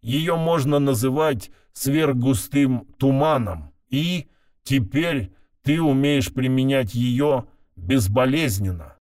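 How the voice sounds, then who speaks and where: A man voicing a stern woman curator whose disguised voice comes gruff and metallic through a loudspeaker, measured and clinical. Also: medium pitch, no room sound, studio quality.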